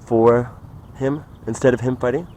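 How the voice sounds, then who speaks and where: A man's voice: medium pitch, steady tone, normal speed, darkish tone, rough recording. A young man talking in a rambling, meandering way, full of "like" and "you know", in a casual monologue. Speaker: vlogger.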